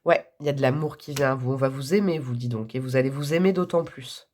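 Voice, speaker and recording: A hoarse woman giving a casual, enthusiastic tarot reading to her viewers, chatty and quick to laugh. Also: a bass voice, a little mellow. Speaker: tarot reader.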